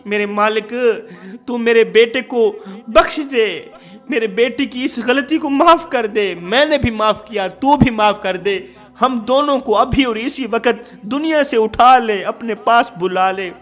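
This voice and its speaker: A man's voice: very high-pitched, fairly bright tone. A man voicing a grieving old mother who pleads and laments over her son. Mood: praying.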